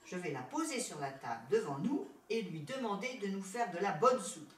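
Woman reading a shy, eager storybook girl, lively voice, roomy echo. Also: medium pitch, normal speed, slight background noise, close to an everyday voice. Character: poor kind young girl, timid and eager. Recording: roomy echo, distant mic.

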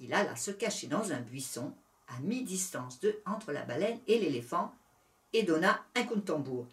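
Woman, storyteller, reading a fable aloud, lively pitch, set back from the mic. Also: moderate pace, distant mic. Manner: animated, expressive reading.

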